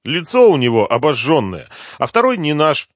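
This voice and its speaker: A man reading an audiobook, voicing a frightened, whining male drug addict with a high, pleading voice. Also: big pitch swings, normal speed, no room sound, studio quality. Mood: agitated rambling.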